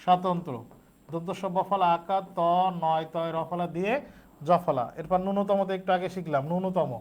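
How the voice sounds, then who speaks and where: A man's voice: high-pitched, fairly even intonation, moderate pace. A man teaching a spelling lesson, explaining step by step and answering his own questions.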